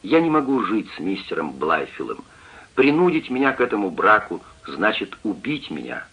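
A tender young daughter begs and implores, as a male reader puts her on in a raised, lively voice that is a little husky. The radio-play audiobook sounds dull and lo-fi. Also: fairly low pitch, normal speed, heavily acted. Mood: pleading. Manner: imploring, tender, tearful pleading. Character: young woman, a pleading loving daughter.

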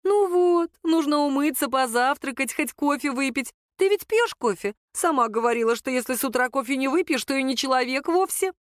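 Woman doing a high-voiced coaxing older mother-in-law. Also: animated, a little fast, hardly any pauses, dry recording, studio quality. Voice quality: high, breaking voice. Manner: soft, ingratiating.

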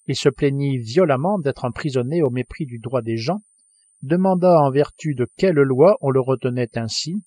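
A man reading a novel aloud as an audiobook narrator, in a measured, expressive way. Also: mid-range voice, husky, no echo. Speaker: audiobook reader.

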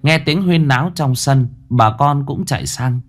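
A man narrating a ghost story in a tense, expressive storytelling manner. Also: mid-range voice, a little slow, soft background music.

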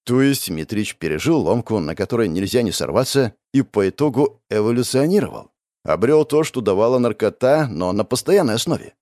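A man narrating a first-person audiobook in a dramatic, expressive way. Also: medium pitch, a little fast, dry recording, clean studio sound.

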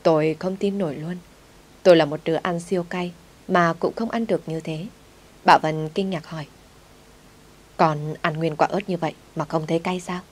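Low-voiced woman narrating a story. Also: moderate pace, husky. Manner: voices every character in one steady reading. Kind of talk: narrated family drama audiobook.

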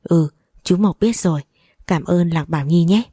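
A woman's voice: lowish voice, normal speed, dark tone, slightly rough, no room sound, clean studio sound. A woman reading the lines of a cheeky, persistent young man in a storybook novel.

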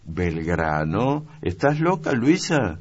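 A man voicing a refined, moody young noblewoman in a slow, deliberate, raised voice in an audiobook reading. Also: fairly low pitch, sing-song, a little mellow, slightly rough, highs cut off, pitched above the performer's own voice, heavily acted.

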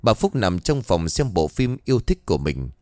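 A man narrating a dramatic story in an expressive, scripted style. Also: sits low, normal speed, dry recording, studio quality.

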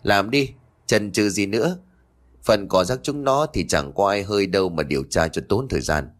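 A man voicing a cruel, abusive middle-aged rich woman who shouts insults at her servants. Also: on the low side, moderate pace, close to an everyday voice. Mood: furious.

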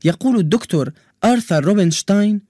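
A man's voice: sits high, expressive, quick pace, warm tone, dry recording, studio quality. An actor playing a cheerful young male contestant who tells jokes in a children's radio drama. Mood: informative. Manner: cheerful, playful storyteller. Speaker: radio show character who answers quizzes and tells jokes.

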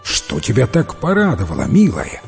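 A man's voice: mid-range voice, wildly swooping pitch, moderate pace, gravelly, long reverb tail, faint music behind. A man voicing a doting, easily fooled emperor in a storybook tale, speaking in an imperious, commanding way. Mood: tender. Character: doting, gullible old-world male emperor. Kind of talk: storybook reading.

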